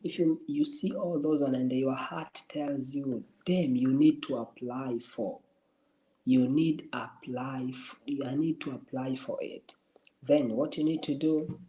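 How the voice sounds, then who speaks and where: Answering viewers on his casual livestream, a man from Somalia gives encouraging advice, often going back to repeat and restart phrases. He talks unhurriedly in a warm, steady, medium-pitched voice, though the audio quality is poor.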